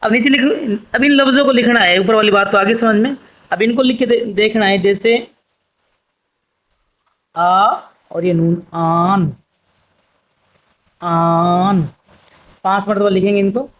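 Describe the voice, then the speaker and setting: A man's voice: sits high, moderate pace, long pauses, fairly bright tone, lo-fi sound. A man teaching Urdu script, patiently spelling out letters one by one. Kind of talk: slow spoken writing lesson.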